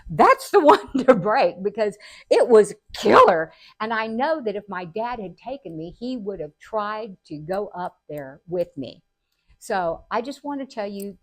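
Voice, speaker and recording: A woman vlogging, telling family stories to camera in a chatty, earnest way and laughing often. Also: mid-range voice. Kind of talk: casual storytelling to camera.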